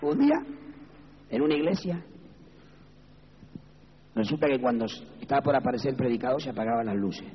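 A man with an Argentine Spanish accent preaching an evangelical sermon as pastor, moving from low, measured speech to high, fervent exclamations. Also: lively intonation, breathy edge. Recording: reverberant hall, dull lo-fi sound, faint background noise.

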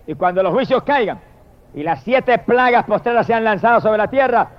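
A high-voiced male preacher delivers a fervent evangelical sermon at normal speed, animated, emphatic, and declamatory. He stretches out exalted phrases and addresses his listeners directly, captured on a dull, lo-fi recording.

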